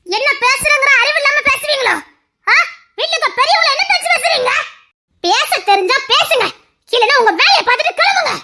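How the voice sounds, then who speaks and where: A woman's voice: very high voice, lively intonation, a little fast, bright, forceful tone, a little hiss or hum, exaggerated voice. A woman voicing an indignant young wife who sharply scolds the men and defends her husband in an audio family drama. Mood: reproachful.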